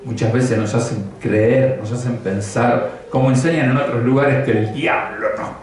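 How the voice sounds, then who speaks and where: A man's voice: medium pitch, steady tone, normal speed, a little mellow, a little hiss or hum. A man preaching a sermon as pastor, conversational and often asking rhetorical questions. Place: church hall. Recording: very echoey church, voice from far off.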